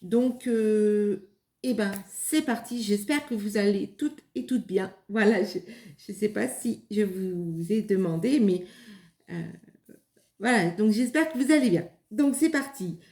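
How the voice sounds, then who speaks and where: A woman's voice: mid-range voice, measured pace, dark tone. A woman hosting a craft video, talking casually and hesitantly as she demonstrates and tests materials. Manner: hesitant, many fillers and restarts. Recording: echoey room.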